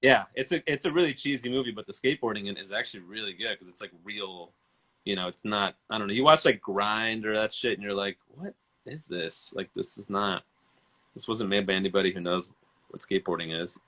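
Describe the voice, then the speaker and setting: Rambling man in his thirties, bright tone. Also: fairly low pitch, quick pace. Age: 30s. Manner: rambling, enthusiastic, swears casually. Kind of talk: casual chat on a live stream.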